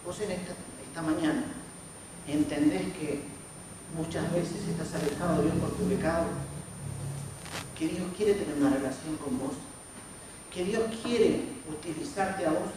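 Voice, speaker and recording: A man's voice: a little high, a little slow, pauses often. A man in his forties with an Argentine accent, preaching a sermon as a personal testimony and voicing the people in his story. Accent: Argentine Spanish. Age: 40s. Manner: storytelling with acted quotes of others. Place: church sanctuary. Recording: very echoey church hall from far off, faint noise.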